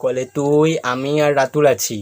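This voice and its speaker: A man's voice: mid-range voice, level tone, moderate pace, heavy background noise, lightly acted. A man voicing a blunt, colloquial young student in a cartoon comedy skit. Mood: matter-of-fact. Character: exasperated young male student, deferential to teacher.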